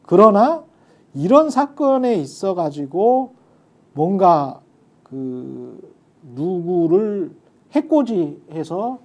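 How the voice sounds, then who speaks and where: A man's voice: sits high, big pitch swings, extremely slow. A man on a political talk show, giving his views emphatically and drifting into blunt casual speech.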